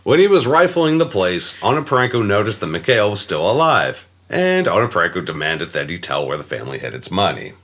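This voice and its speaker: A man co-hosting a casual true-crime podcast, narrating the case with frequent swearing and dark laughs. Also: sits low, sing-song, a little fast, few pauses. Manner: swears freely, laughs, mock-voices the killer.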